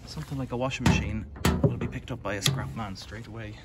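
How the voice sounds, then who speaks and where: Walking through back alleys with his phone camera in hand, a British vlogger chats in a steady, mid-range voice at a quick pace. Loud music and outdoor noise sit behind his rambling, matter-of-fact commentary.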